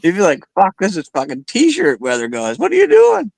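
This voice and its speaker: A man's voice: high voice, huge pitch swings, moderate pace, creaky, a little mellow, dry recording, poor audio. A man in his late thirties chatting casually, laughing often and swearing freely. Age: 30s. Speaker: chat participant. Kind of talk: casual chat.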